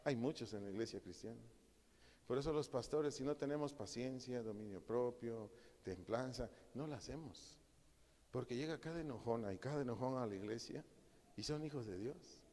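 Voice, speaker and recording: Un pastor con acento mexicano que predica un estudio bíblico en tono conversacional y hace preguntas a la congregación. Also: male voice, mid-range voice, normal speed, a little mellow. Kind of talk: sermon Bible study. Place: church hall. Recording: reverberant church hall.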